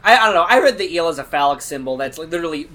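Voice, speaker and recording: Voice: mid-range voice, lively intonation, racing, pushed and bright. A speaker on a movie podcast reading symbolism into a film, playful, often restarting sentences and filling with "like.". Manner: analytical but playful, self-correcting, many "like"s. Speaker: podcast co-host or guest. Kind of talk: casual movie-discussion podcast chat.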